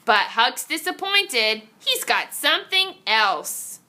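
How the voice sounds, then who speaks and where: Taking her time, a woman reads a children's picture book aloud with theatrical suspense, stretching out every exclamation. Her voice sits high, sounds sharp and is very animated throughout.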